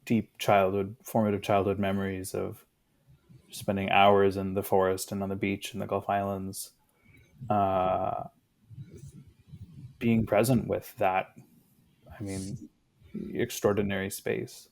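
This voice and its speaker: Low, gravelly-voiced man talking reflectively. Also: completely flat delivery, a little mellow. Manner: reflective, unhurried, with fillers. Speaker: guest. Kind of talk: casual conversation.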